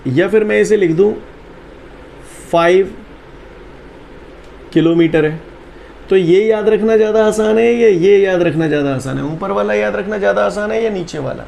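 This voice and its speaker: A man teaching physics in a high, gravelly voice, speaking. He coaxes and teases his students, checks over and over that they follow, and leads them in rote chants. A faint hiss of noise sits under the recording. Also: normal speed, long pauses, darkish tone. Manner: teasing, repeats questions to students, drills chants. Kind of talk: online class lecture.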